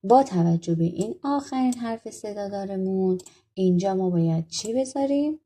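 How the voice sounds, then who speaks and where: Dark-voiced woman teaching slowly. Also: mid-range voice, expressive. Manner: patient, asks questions then answers them, slow over example phrases. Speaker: language teacher. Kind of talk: explaining a textbook exercise.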